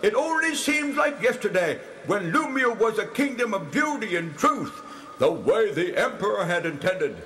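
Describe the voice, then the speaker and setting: High-pitched bellowing cartoon beast. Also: male voice, big pitch swings, moderate pace, a bit bright, a little hiss or hum. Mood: grave, remembering. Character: former magistrate turned big cave beast, grand and kindly. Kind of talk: children's audio drama acting.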